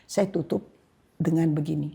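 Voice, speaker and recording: An older woman from Indonesia, a guest pastor, telling an emotional personal testimony, dropping to soft whispers and rising to loud outbursts. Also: deep voice, fairly even intonation, normal speed, gravelly, slightly rough. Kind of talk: personal testimony in a church podcast.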